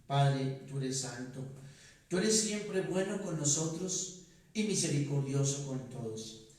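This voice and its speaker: A man, a priest, celebrating Mass, singing and reciting prayers in a slow, measured way, with a cathedral echo around his voice. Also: mid-range voice, expressive, darkish tone. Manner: slow, measured liturgical delivery, partly sung. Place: large church. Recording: echoey church, voice from far off the mic.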